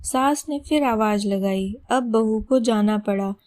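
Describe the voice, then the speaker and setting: Woman storyteller, moral tale, slightly high voice, dry close sound. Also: takes it slowly, no room sound. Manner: steady, plain moral-tale telling. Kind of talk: scripted story narration.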